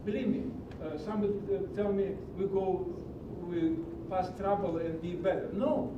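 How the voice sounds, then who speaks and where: At a moderate pace, a middle-aged Greek man offers a preachy, impassioned public comment in broken English at a county meeting, and the highs in the audio are cut off. The recording comes from far away in a big meeting hall, full of echo and low rumble.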